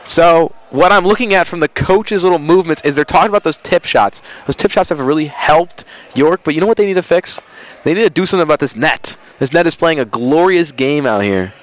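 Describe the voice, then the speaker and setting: A man's voice: a little high, a little fast. A man doing color commentary at a school volleyball game, joking and rambling between plays. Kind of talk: casual sports banter.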